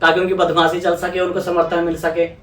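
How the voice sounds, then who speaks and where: A man's voice: high-pitched, completely flat delivery, brisk, fairly bright tone, recorded from a distance. A young man from India, a politician guest in an interview, explaining earnestly and repeating phrases for emphasis. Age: young adult. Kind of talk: conversational interview. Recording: echoey room, voice away from mic.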